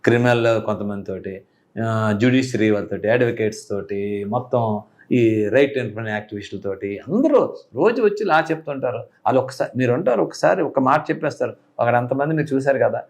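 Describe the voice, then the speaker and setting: A middle-aged man, a police officer, talking earnestly in an interview and rising high in pitch when he stresses a point. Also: animated, fast talker, darkish tone. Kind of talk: casual interview talk.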